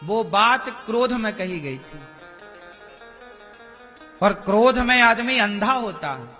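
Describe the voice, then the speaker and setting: A man giving a religious discourse, slowly questioning his listeners and acting out quoted speech. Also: high-pitched, animated, pushed and bright, faint music behind. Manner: slow, questioning the audience, acts out quoted speech. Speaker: preacher.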